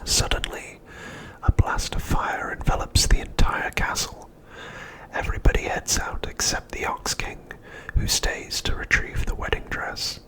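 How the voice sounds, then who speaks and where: The clip has poor audio: a man recounts a story ASMR-style in a completely unvoiced, breathy whisper. His delivery is gentle, hushed and unhurried.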